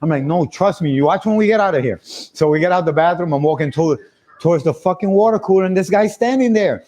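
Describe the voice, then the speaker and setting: A young man with a high voice spins a casual story for his stream audience. He is animated, laughs often and acts out everyone's lines. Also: fast talker.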